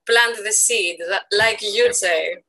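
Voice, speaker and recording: A woman's voice: medium pitch, slow, pushed and bright, poor audio. A woman in her thirties from Greece, speaking with a Greek accent as a guest in a casual interview, thoughtful and searching for words. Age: 30s. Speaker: guest artist.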